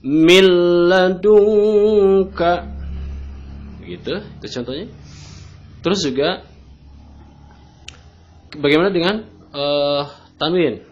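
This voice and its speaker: A man teaching tajweed rules patiently, often pausing on "nah, gitu ya" as he explains. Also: fairly high pitch, expressive, a little hiss or hum. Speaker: Quran recitation teacher. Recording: dull lo-fi recording.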